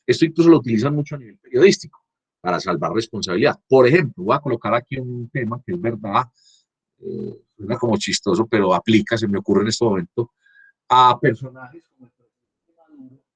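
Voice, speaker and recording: A man giving a class lecture over a video call. He talks haltingly, restarts often, and keeps checking that students follow. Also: medium pitch, breathy edge, no echo, highs cut off. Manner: halting, frequent restarts, checks understanding with "¿cierto?". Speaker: university teacher. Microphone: computer mic on a video call.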